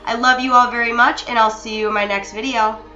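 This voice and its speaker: A woman's voice: fairly high pitch, fairly even intonation, fairly quick, dull audio. A young woman narrating a makeup tutorial in a chatty, apologetic way, talking straight to her viewers. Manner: chatty, apologetic, addresses viewers as you guys. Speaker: beauty vlogger. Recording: roomy echo with soft music behind.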